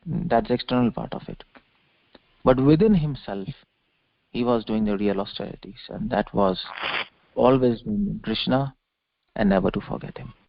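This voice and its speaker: This preacher's mid-range, fry-tinged voice comes through muffled lo-fi conference call audio as he lectures on scripture off the cuff. He teaches at a normal speed with long pauses, repeats phrases to drive points home, and the recording is dry.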